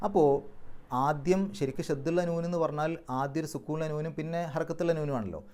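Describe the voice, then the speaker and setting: A man giving a religious lesson, explaining recitation rules step by step and slowly chanting example words. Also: a little high, a little mellow. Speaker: Quran teacher.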